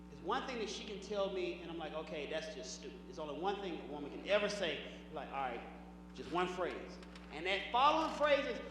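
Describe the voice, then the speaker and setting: A man doing stand-up comedy, animated, acting out voices and shouting punchlines. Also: sits high. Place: large hall before a live audience. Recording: echoey hall recording from far off, noisy.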